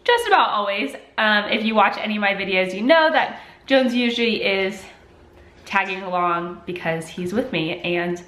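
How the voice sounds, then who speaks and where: A woman in her twenties talks casually to the camera in a medium-pitched, fairly bright voice at a moderate pace, sniffly with a cold. As a chatty lifestyle vlogger, she uses her hands a lot while speaking from her echoey home kitchen, filmed at desk distance.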